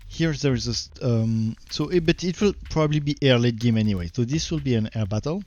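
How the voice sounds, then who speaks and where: A man with a French accent, a native French speaker, giving halting live game commentary with a tired voice. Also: medium pitch, animated, darkish tone, muffled recording. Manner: halting, repeats words while searching for English. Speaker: game streamer.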